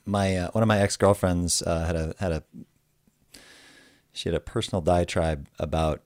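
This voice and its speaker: A man chatting casually as a podcast guest, a self-described low talker who mumbles in a dry, understated way. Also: steady tone, moderate pace, a little mellow, no room sound.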